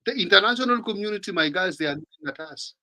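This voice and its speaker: Kenyan male talk-show host, bright and forceful, lively and chatty, mixing languages. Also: high-pitched, quick pace. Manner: animated, switches between English and Swahili, mimics others. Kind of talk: casual panel talk.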